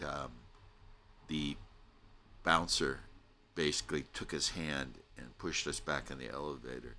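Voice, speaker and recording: A middle-aged American man telling a rambling personal story on a podcast, animated and full of restarts. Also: rumbling low, gravelly, slight background noise. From United States. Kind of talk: casual storytelling monologue.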